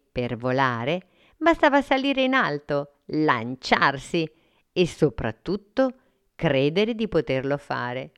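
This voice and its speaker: A woman reads a children's story slowly and calmly, her voice low and smooth. The recording is dry and close, with no room behind her. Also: no echo. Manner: slow, calm, clear.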